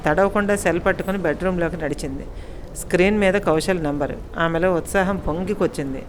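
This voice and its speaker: A woman's voice: on the low side, fairly quick, a little hiss or hum. A woman storyteller reading a romantic audiobook story aloud, voicing the characters' lines lightly as she narrates. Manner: reads all characters' lines with light voice changes. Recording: faint background music.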